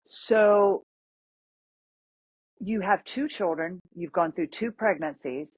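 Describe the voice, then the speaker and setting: A woman in her fifties hosting an interview, reacting with sympathy and asking quick follow-up questions. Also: fairly low pitch, husky, no room sound. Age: 50s. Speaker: host. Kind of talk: conversational interview. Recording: dry, dull lo-fi audio.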